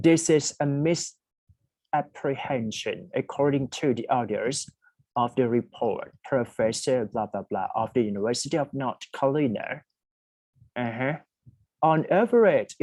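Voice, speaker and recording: A man teaching an exam-prep class, reading English passages slowly and explaining them in quick Thai. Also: medium pitch, a little mellow, dry recording. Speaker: IELTS teacher. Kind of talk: online class lesson.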